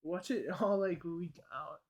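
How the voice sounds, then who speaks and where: High-voiced young man streamer, laughing. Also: unhurried, dull audio. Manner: laughing, rambling, cursing, filler-heavy. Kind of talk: casual live-stream chat while eating.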